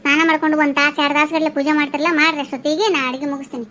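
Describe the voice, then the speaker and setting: A woman voicing an older, sharp-tongued village housewife in a comic cartoon, speaking with a North Karnataka Kannada accent and scolding with quick retorts. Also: high-pitched, little pitch movement.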